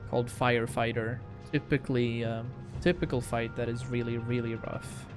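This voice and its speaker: A man's voice: mid-range voice, flat delivery, moderate pace. Casual male game streamer over music. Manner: slangy, chatting back to viewers. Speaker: livestream gamer host.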